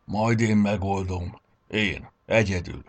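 A grumpy old Santa with a gravelly, husky voice, as a male storyteller puts him on. He scolds loudly and his pitch swings wide from line to line. The storybook reading makes him gruff but loving underneath. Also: huge pitch swings, exaggerated voice. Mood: grumbling.

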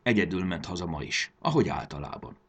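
A man narrating a children's story in a gentle, expressive reading. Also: sits low, breathy edge.

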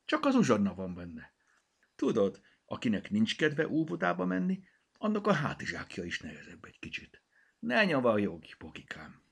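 A mother's voice, gentle and coaxing, a touch higher than the reader's own, as a male storyteller plays her. It is gravelly and husky, with a lively lilt. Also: exaggerated voice.

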